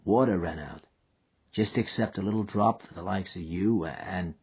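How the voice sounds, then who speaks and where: A tired frontier man murmurs in a low, husky drawl, soft and patient with the little one beside him, as a male reader plays him. The voice sits deep and rough, and the recording is slightly dull and lo-fi. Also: normal speed, heavily acted. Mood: gentle. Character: weary frontier man, gentle with the child.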